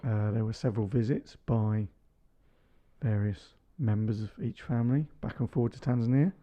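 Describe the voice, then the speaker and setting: A man's voice: lowish voice, normal speed, mellow, muffled recording. A man in his thirties co-hosting a casual chat podcast with his wife, joking and teasing as he talks. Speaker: podcast co-host.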